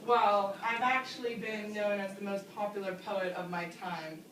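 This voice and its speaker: A woman's voice: medium pitch, steady tone, unhurried, fairly bright tone, natural voice. A teenage girl playing a proud old male 19th-century poet as a talk-show guest, speaking in stiff, formal phrases. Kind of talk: amateur talk-show skit. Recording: echoey room, distant mic, noisy.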